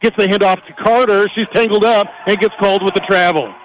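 A man calling live basketball play-by-play on a broadcast headset, rapid and energetic, his voice rising on big plays. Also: high-pitched, a little hiss or hum, poor audio. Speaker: play-by-play announcer.

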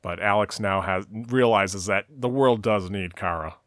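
A man's voice: on the low side, unhurried, fairly bright tone, no echo, studio quality. A man co-hosting a casual podcast, recapping a TV episode scene by scene with frequent "uh" and "you know". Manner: narrates the plot at length, with frequent "uh" and "you know".

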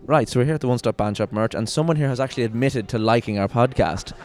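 A man's voice: mid-range voice, fast, darkish tone. A man hosting a podcast from a merch market stall, joking, rambling and swearing casually. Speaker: podcast host. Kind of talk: casual chat.

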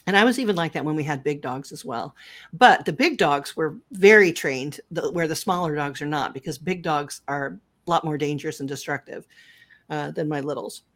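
A woman's voice: low voice, normal speed, fairly bright tone. A woman chatting casually and giving her opinions, reflectively weighing both sides of her own argument.

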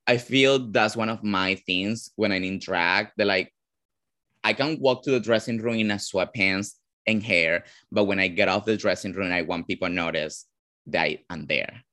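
Man, Venezuelan Spanish accent, fairly low pitch, casual interview talk, searches for words, lots of fillers. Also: moderate pace, sharp tone. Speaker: drag performer, guest.

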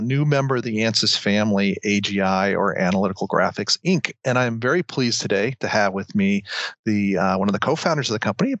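An American man works as a podcast interviewer, recorded indoors with very little room sound. His pitch is in the middle range for a man. He talks in a casual, conversational style. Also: fairly bright tone, dry recording, lo-fi sound. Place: indoors at home.

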